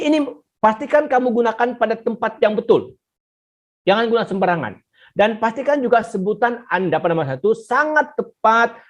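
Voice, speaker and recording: A teacher giving an online exam-prep lesson, repeating key points and talking straight to the pupils. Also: medium pitch. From Sabah, Malaysia. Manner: repetitive, coaxing, addresses pupils directly. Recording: slightly muffled recording.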